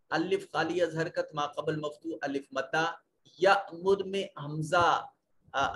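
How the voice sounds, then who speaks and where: A man's voice: on the high side, fairly bright tone. A man teaching Quran recitation rules, explaining each letter and rule step by step in a methodical way. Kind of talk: tajweed lesson explaining rules.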